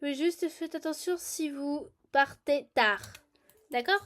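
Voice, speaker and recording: A woman's voice: sits high, takes it slowly. A woman from France streaming a game, chatting casually and reading the game text aloud. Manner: playful, animated, reads game text aloud. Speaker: gaming streamer. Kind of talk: casual let's-play chat.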